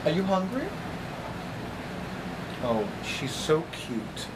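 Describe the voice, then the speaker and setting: Very animated and pitched on the high side, this middle-aged psychic reader vlogs in a chatty monologue from a small apartment room near the kitchen. He repeats himself often and stresses his words deliberately, and the recording is very noisy.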